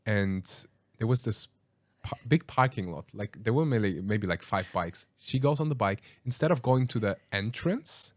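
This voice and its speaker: A man hosting a podcast, telling a story in a casual, animated way, acting out quoted lines and hesitating with ums and restarts. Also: fairly low pitch, moderate pace, dry recording. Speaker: podcast host.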